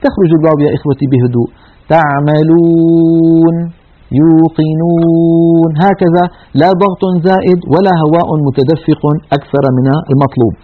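This man's voice is on the high side, and he talks very fast as he earnestly teaches tajweed, sounding out each letter of Quran recitation. The recording has a tinny, radio-like narrowness.

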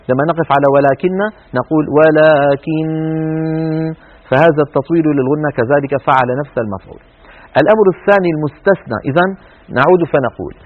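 A man gives a televised lesson on Quran recitation, explaining the rules rapidly in a fairly high voice. He breaks off to recite example words slowly and drawn out. The audio is thin and tinny, like a phone line.

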